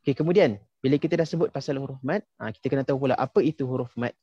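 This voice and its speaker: A man's voice: mid-range voice, racing, mellow, breathy edge, dry recording. Man, young, patient teacher, quizzes students, dull lo-fi call sound. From Malaysia. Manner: patient, quizzes students, many fillers like ha and okey. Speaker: tajwid teacher. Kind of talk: casual online class instruction.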